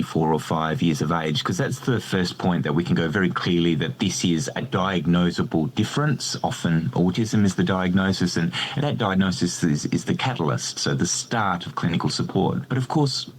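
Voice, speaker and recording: A man's voice: deep voice, moderate pace, few pauses, husky. An Australian man being interviewed on a podcast, explaining his work with enthusiasm and self-deprecating humour. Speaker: guest researcher.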